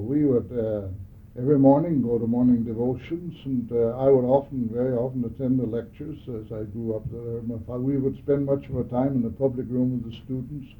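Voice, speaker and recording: An elderly man with a mid-range voice reminisces about his childhood in an oral history interview. He speaks haltingly, with many pauses, hesitations and restarts, on a narrow, phone-like old tape recording.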